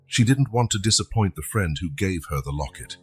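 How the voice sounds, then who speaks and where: A man voicing an earnest young girl, the older of two sisters, speaking softly in a raised voice. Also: low-pitched, lively intonation, brisk, slightly rough, soft background music, full character voice. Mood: tender.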